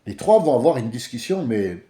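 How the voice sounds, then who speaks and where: A man's voice: mid-range voice, big pitch swings, moderate pace, mellow, echoey room. A man giving a casual, blunt monologue as a religious commentator, rambling with many restarts.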